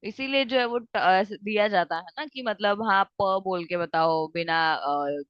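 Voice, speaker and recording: A woman's voice: medium pitch, a little slow, clear, resonant tone, no echo. A young woman teaching a lecture, explaining step by step and often checking in with her students. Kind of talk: lecture in mixed Hindi and English. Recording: dull, dry, muffled sound.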